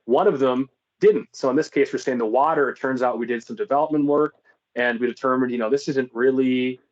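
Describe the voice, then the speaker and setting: Male webinar presenter, mid-pitched voice, explanatory and conversational, slightly dull lo-fi sound. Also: brisk. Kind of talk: informal webinar business presentation.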